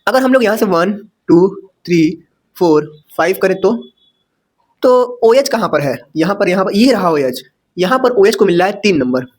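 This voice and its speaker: A man's voice: sits high, expressive, normal speed. A man teaching chemistry in a casual lecture, chatty, asking questions and correcting himself as he writes.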